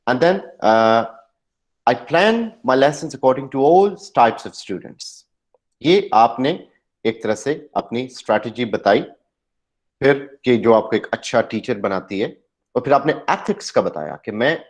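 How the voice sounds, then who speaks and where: A man teaching English interview skills at a slow, deliberate pace. He moves between explanation and model answers, pressing on key words with careful stress. His voice sits at an ordinary middle pitch. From Pakistan. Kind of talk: recorded lesson, mixing Hindi-Urdu and English.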